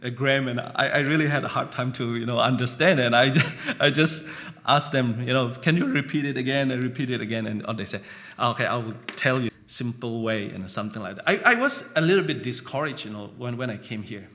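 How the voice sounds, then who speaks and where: A man's voice: mid-range voice, brisk, a bit bright. A man from Burma, preaching a conversational sermon that he keeps checking in on with "you know" and "right?".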